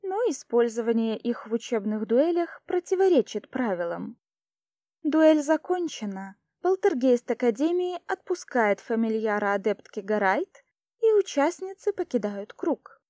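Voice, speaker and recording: A woman's voice: on the high side, very animated, measured pace, dark tone, no echo. A woman voicing a strict female duel judge at a magic academy, speaking in a dry, impassive, formal way. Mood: cool.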